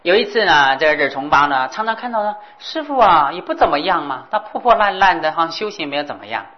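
A woman telling a Buddhist story in an animated way, with exclamations and sound effects. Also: low voice, fast, muffled recording.

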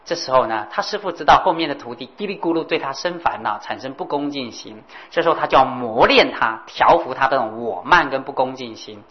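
Woman, Buddhist storyteller, animated, exclamations and sound effects, lively pitch, lo-fi. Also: fairly quick, hardly any pauses.

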